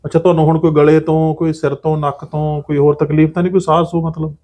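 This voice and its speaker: A man with a Punjabi accent playing a police officer in a scripted drama, firm but calming as he lectures. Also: on the high side, fast. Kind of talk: scripted social drama acting.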